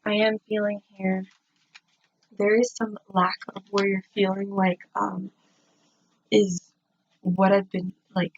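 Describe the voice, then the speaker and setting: A soft-spoken woman with a husky voice gives a casual, unhurried spiritual tarot reading in an echoing bathroom. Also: mid-range voice, flat delivery. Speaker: tarot card reader. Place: indoors, in an echoing home bathroom. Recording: dull, echoing bathroom sound.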